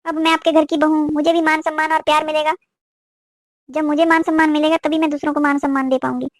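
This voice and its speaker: A woman's voice: high voice, flat delivery, fast, no room sound, clean studio sound, lightly acted. Woman voicing an earnest young daughter-in-law. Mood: pleading. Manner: pleading, polite but firm. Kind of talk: cartoon voice acting.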